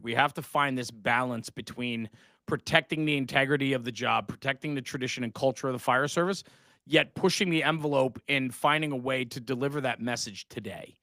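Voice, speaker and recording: A middle-aged man's bright, forceful, mid-range voice comes through with no echo as he guests on a live stream. A fire service podcaster, he talks casually, passionately and emphatically, earnest and buddy-like, peppering in "man" and "bro."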